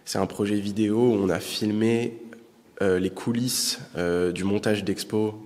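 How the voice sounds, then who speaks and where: A young man interviewing an artist, relaxed and with plenty of fillers. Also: on the low side, a little slow. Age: young adult. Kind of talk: casual interview. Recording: reverberant hall.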